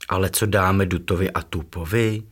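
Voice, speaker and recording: Timid little storybook chick girl, anxious and hesitant, slightly raised pitch, put on by a man. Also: fairly even intonation, a bit bright, breathy edge. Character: timid young female chick.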